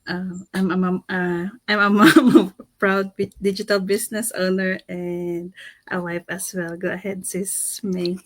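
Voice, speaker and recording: Hesitant low-voiced woman co-host. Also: flat delivery, a little slow, dry recording. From Philippines. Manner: hesitant, many um's and restarts. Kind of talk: casual talk show.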